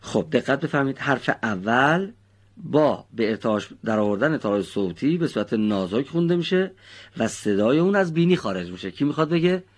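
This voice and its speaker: Speaking at a medium pitch with plenty of expression, a man shows children how to pronounce the letters used in Quran recitation. His explanations are patient and exact, and he often praises the students.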